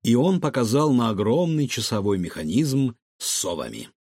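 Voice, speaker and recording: A man narrating a children's adventure story in an expressive, theatrical reading style. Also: medium pitch, normal speed, slight background noise. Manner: lively, theatrical. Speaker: audiobook narrator.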